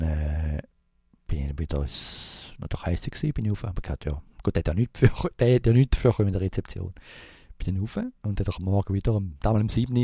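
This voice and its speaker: A man with a Swiss German accent rambles quickly through an anecdote, pausing on fillers and restarting his sentences. His low voice is gravelly and dark. The recording is dry and close. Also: no echo. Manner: rambling, halting, many fillers and restarts, imitates thumping sounds. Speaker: storyteller. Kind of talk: casual spoken anecdote.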